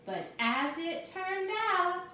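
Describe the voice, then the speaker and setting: A teacher with a high, singsong voice reads a storybook aloud to a class of young children, speaking to them directly and pausing to ask them questions. Her delivery is expressive. The room is very echoey, the mic sits at a distance, and there's faint noise.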